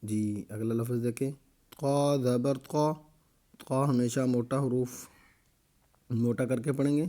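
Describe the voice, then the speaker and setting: A man teaching Quran reading, slowly spelling out each letter and vowel, then briskly explaining the rules. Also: medium pitch, fairly even intonation, mellow. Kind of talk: slow spelling-out recitation lesson.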